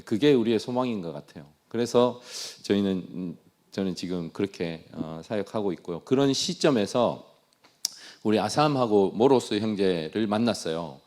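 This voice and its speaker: A man's voice: on the low side, expressive, moderate pace, darkish tone. A man from Daegu with a Gyeongsang accent, a missionary giving an earnest, self-deprecating testimony in a sermon, often repeating his phrases. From Daegu, South Korea.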